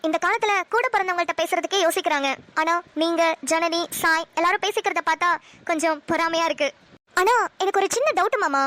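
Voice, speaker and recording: A woman's voice: extremely high pitch, a little fast, bright, forceful tone. A woman voicing a curious young newlywed wife in a cartoon who asks probing questions. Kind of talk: Tamil cartoon voice acting.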